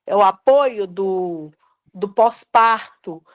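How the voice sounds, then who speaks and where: A woman's voice: mid-range voice, takes it slowly, no echo. A woman from Brazil, telling her own story as an interview guest, talking conversationally and repeating lines as she recalls what was said. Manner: conversational, repeating phrases and reported dialogue.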